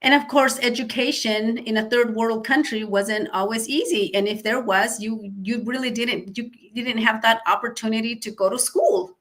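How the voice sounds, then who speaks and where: A middle-aged woman from Guatemala whose first language is Mayan, telling her life story earnestly, with frequent um pauses. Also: a little high, a bit bright. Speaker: guest speaker. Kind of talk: personal storytelling.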